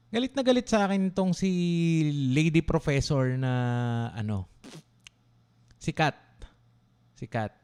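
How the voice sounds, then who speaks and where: A young man from the Philippines, a law school vlogger, telling a story to his livestream viewers in an animated, dramatic way and asking them to reply. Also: on the high side. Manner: asks viewers to respond.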